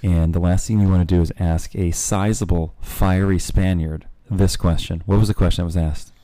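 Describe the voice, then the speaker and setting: A man's voice: low voice, steady tone, normal speed, mellow, no echo, low-quality recording. A man co-hosting a casual chat, a teasing, chatty storyteller. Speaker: podcast co-host and golf dad.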